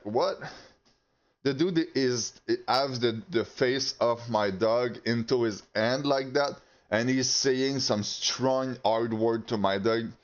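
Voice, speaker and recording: Brief: a man ranting to camera, fired up and foul-mouthed, stumbling over his words, mid-pitched, recorded on slightly muffled audio. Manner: heated, profane, halting with restarts. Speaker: channel host. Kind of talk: casual rant to camera.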